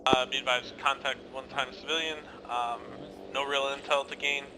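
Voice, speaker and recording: A man's voice comes through a walkie-talkie, giving terse radio reports and map grids in a steady, middle-pitched tone. His delivery is narrow and flat, like practiced radio discipline. Thick background noise covers the transmission. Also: normal speed. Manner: clipped radio call-outs, ending with "over". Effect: heard over a walkie-talkie radio. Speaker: player on a squad radio net. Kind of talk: military radio procedure in a tactical game.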